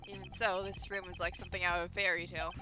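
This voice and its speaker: A woman reading the lines of a composed male prosecutor from a game, brisk and matter-of-fact. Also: on the low side, level tone, over music, lightly acted, poor audio.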